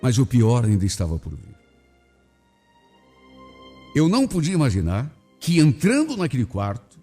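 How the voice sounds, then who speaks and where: A man's voice: medium pitch, mellow, slightly rough. A man hosting a radio show, reading a listener's story in the first person with emotional, indignant delivery. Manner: emotional, swinging between indignation and pity.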